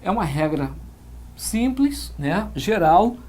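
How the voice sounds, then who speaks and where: Male grammar teacher with a Brazilian accent; unhurried, animated delivery, measured step-by-step explaining. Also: sits high. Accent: Brazilian Portuguese. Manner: measured explaining, frequent tag questions. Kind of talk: exam-prep lecture.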